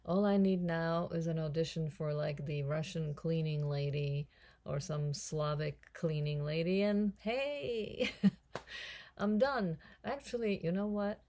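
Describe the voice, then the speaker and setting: A woman's voice: sits low, fairly even intonation, takes it slowly, dark tone. A woman in her sixties chatting casually and mocking herself as she cooks at home, laughing often. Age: 60s. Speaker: cooking vlogger and actress. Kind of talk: casual home cooking vlog.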